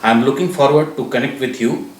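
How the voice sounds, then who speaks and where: A man's voice: mid-range voice, fairly even intonation, a little fast. Echoey, distant man teaching mindfulness. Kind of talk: scripted promotional talk to viewers. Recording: echoey room, distant mic.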